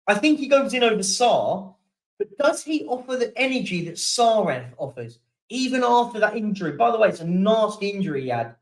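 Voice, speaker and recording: A young man hosts a casual live-stream chat, reading out viewer comments in a high voice. The recording is low quality with a distant mic, and he's chatty but keeps yawning and apologizing.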